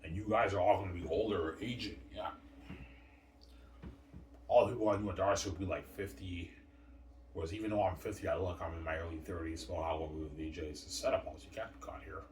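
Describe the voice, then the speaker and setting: A man's voice: sits low, fast, a little mellow. A man talking in a rambling, repetitive casual monologue, often tagging lines with "obviously" and "man". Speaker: vlogger. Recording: echoey room, distant mic, faint noise.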